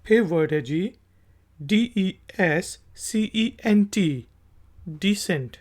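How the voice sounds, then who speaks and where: A language teacher from Pakistan explains patiently and repetitively, spelling words one letter at a time and then saying them again. The slow, mid-range voice has lively intonation and a slightly mellow quality.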